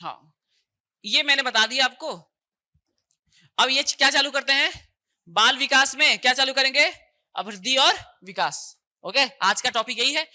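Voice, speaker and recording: A man's voice: very high voice, sharp tone. A man teaching an exam coaching class, chatty and repetitive, quizzing students with call-and-response questions.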